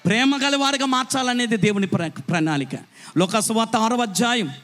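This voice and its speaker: Telugu-accented male pastor, high-pitched and bright, emphatic sermon that calls on the crowd. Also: brisk. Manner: emphatic preaching, asks crowd for responses. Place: evening gospel meeting.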